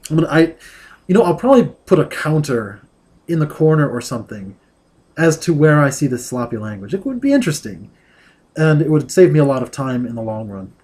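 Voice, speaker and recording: A man's voice: fairly high pitch, sing-song, fairly quick, darkish tone. A man reading a novel aloud and breaking off to criticize its writing in a dry, nitpicking, digressive way.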